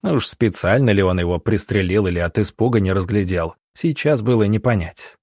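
A man narrating an audiobook in a measured, dramatic reading style. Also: fairly low pitch, animated, darkish tone, husky, no room sound, clean studio sound. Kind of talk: scripted narration.

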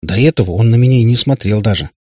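A man with a husky voice reading an audiobook and voicing a gentle, good-natured schoolgirl who teases lightly. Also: fairly low pitch, lively intonation, fast, dry recording, clean studio sound.

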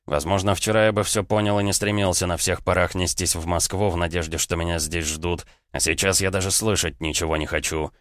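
A man's voice: low voice, steady tone, fairly quick, hardly any pauses, a bit bright, no room sound, studio quality. A man voicing a cold, tense young guild head in an audiobook, speaking in a clipped, icy way. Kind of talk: audiobook character reading.

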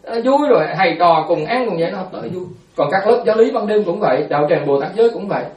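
A Buddhist monk giving a storytelling dharma talk. He speaks in an animated way, repeats words and acts out quotes. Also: sits high, fast talker, echoey room, distant mic, highs cut off.

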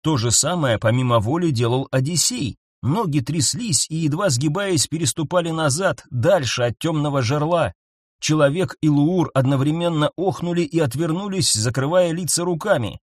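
A man narrates a tense science-fiction audiobook in a husky voice pitched a little above the usual. The close mic keeps the sound dry, with no room around him. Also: normal speed, no echo.

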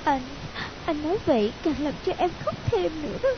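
A man's voice: extremely high pitch, very animated, normal speed, gravelly, voice pushed up, heavily acted. A man voicing a tearful, lovesick young woman, pleading through sobs. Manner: sobbing, pleading. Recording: dull lo-fi audio with hiss.

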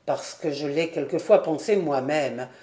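A woman's voice: deep voice, dark tone, roomy sound, voice pushed down. A woman voicing a breezy, proud middle-aged painter father in a storybook reading. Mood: reassuring. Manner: light, brisk, then cold and clipped.

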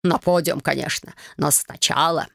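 An audiobook reader voicing a smug, greedy young male fashion genius, speaking slowly and drawing out the words. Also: mid-range voice, fairly even intonation, creaky, a bit bright, no echo, clean studio sound.

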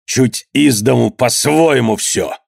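A man's voice: medium pitch, slow pace, creaky, no echo, exaggerated voice. A wrathful, domineering old merchant father, voiced by a man reading a historical novel aloud. He bellows and scolds in archaic, old-fashioned speech. The sound is dry and close. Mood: furious.

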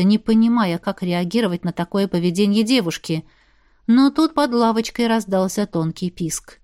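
A woman reading a novel aloud in a steady, even storytelling manner. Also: fairly high pitch, no echo, clean studio sound. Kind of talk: audiobook narration.

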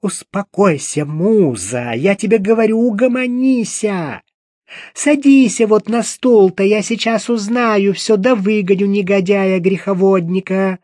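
A man's voice: high voice, a little slow, a little mellow, dry recording, clean studio sound, pitched above the performer's own voice. A man voicing a fussy old woman with rustic old-fashioned speech, soothing and bossy.

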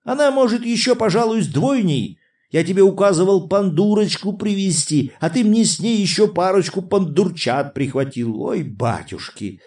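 A man's voice: high-pitched, big pitch swings, measured pace, darkish tone, voice pushed up, full character voice. A man doing a boisterous guffawing old prince. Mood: teasing. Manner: exclaiming, guffawing, teasing. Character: boisterous older prince, laughing, blustering nobleman. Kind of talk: audiobook character voice.

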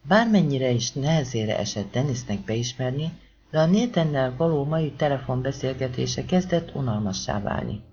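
A man reading an audiobook in a steady, measured storytelling manner. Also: medium pitch, slightly rough. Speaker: audiobook narrator. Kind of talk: scripted audiobook narration. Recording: dull lo-fi audiobook recording.

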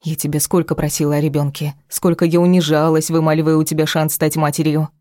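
A woman's voice: low voice, flat delivery, fast, mellow, dry recording, clean studio sound, close to an everyday voice. A woman voicing a spiteful, tearful wife in an audiobook, alternately pleading and lashing out. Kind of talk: audiobook character reading.

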